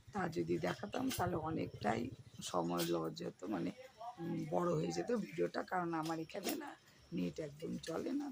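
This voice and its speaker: A hoarse woman vlogging casually at home, chatting straight to her viewers with many fillers. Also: fairly low pitch. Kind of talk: casual home vlog narration. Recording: noisy home recording.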